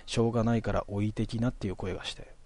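A man casually telling a ghost story in a relaxed, conversational way, stretching out some phrases. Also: lowish voice, racing.

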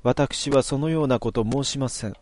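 A man voicing a hushed, formal woman innkeeper. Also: mid-range voice, normal speed, natural voice. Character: polite, reserved woman innkeeper.

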